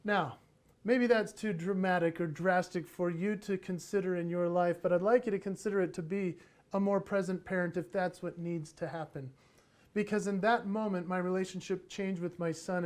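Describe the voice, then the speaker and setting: A man delivers a motivational conference talk about parenting. His voice sits high, and he tells his stories in an animated, playful way. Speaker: keynote speaker on parenting.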